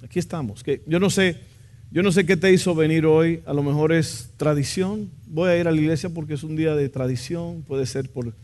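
A man's voice: on the high side, normal speed, darkish tone. A man preaching a sermon in a church, impassioned and asking the congregation questions. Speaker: pastor.

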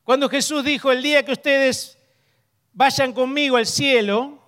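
A man with a high, smooth, resonant voice preaching a sermon. He keeps asking the congregation questions and slows down hard on the words he wants to land. His voice rings out with the long reverb of a church hall. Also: a bit bright. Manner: asks the congregation questions, emphatic slow stresses.

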